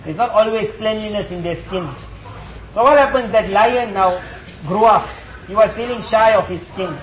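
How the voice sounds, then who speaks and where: Guy preaching with a story, animated, high voice, kinda dull echoey recording. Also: moderate pace. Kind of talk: storytelling sermon.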